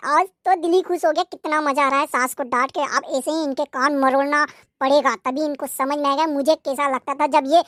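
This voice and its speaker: A woman voicing a smug, sharp-tongued young wife in a cartoon, scolding and gloating. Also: high-pitched, fairly even intonation, moderate pace, dry recording, studio quality. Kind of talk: cartoon voice acting.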